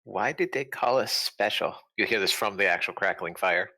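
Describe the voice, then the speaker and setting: A man's voice: on the low side, moderate pace, bright, forceful tone. A man voicing a simple-minded, blunt goblin in tabletop role-play, speaking in broken, simple phrases. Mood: puzzled.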